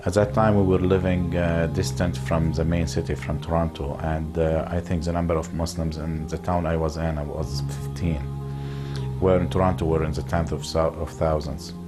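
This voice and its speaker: Interviewee: Lebanese-born man in his fifties, very low voice, unhurried, pausing often, music bed underneath. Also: level tone. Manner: measured, with frequent pauses and fillers. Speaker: interviewee, businessman. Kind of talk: reflective interview talk.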